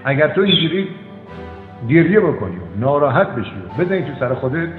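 A man counsels in a calm, firm voice, repeating short commands again and again. He sounds tinny and phone-like, in a roomy, reverberant space with faint music underneath. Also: on the high side. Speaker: counselor addressed as doctor. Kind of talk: counseling session with a storytelling aside.

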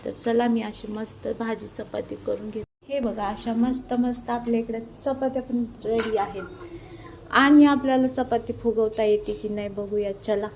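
A middle-aged woman chats informally for a home cooking vlog, hoarse from a sore throat, her voice giving out. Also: a little high, fairly even intonation, moderate pace, a little mellow, slight background noise, low-quality recording. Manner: chatty, repetitive, informal. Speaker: homemaker video blogger. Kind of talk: casual cooking vlog chat. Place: home kitchen.

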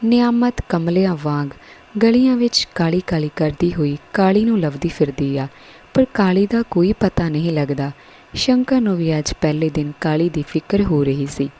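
A woman narrating a scripted story in a steady, earnest way. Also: fairly low pitch, normal speed, rough recording.

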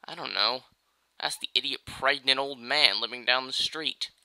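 In a video game parody, an amateur performer voices a whiny, exasperated boy hero, delivering lines in a sarcastic, halting, casual way that comes across as awkward. The mid-range voice has a sharp tone, and the audio quality is poor.

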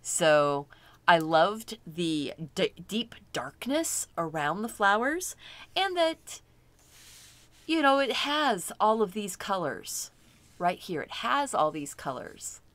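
A woman's voice: mid-range voice, big pitch swings, takes it slowly, fairly bright tone, no echo. A middle-aged woman teaching a step-by-step painting lesson, chatty and thinking aloud as she works, delighted by her own results. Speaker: art instructor.

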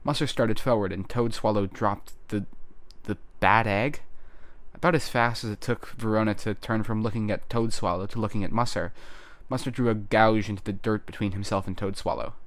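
Low-voiced male audiobook narrator. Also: fairly even intonation, moderate pace, no room sound. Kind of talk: scripted narration.

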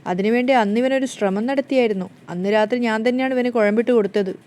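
Woman reading a bold young wife, defiant and scolding, fast lines. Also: fairly high pitch, a little mellow, close to an everyday voice.

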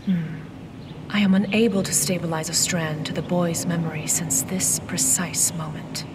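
In a fantasy audio drama, an actress voices a mysterious, ominous watcher of dreams, speaking cryptically and deliberately in a lowish, steady, grave tone. The acting is light, and the recording is very noisy.

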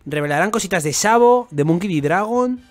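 A young man with a Spanish accent from Spain, giving casual, excitable, slangy reaction commentary as the channel host. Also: high voice, a little fast. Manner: excitable, slangy, often restarts words. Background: faint music.

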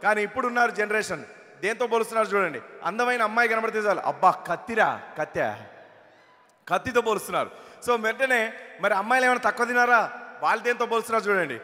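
A man's voice: high voice, racing, pushed and bright. A male mimicry comedian doing live stage comedy, chatty and storytelling, hyping a crowd. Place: large event hall. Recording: long hall reverb.

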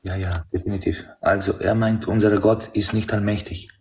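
A man's voice: on the low side, steady tone, normal speed, a little mellow, a little hiss or hum. A man in an online voice chat debate, explaining his belief and asking to finish speaking. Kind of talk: heated religious debate.

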